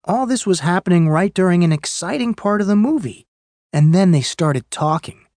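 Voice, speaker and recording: A woman reading a scripted dialogue for language learners, recounting events in a plain, measured way. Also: on the low side, expressive, warm tone, no echo.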